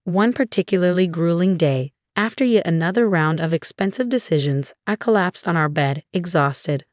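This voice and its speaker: A woman narrating a first-person story in an even, measured way. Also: on the low side, dry recording, studio quality.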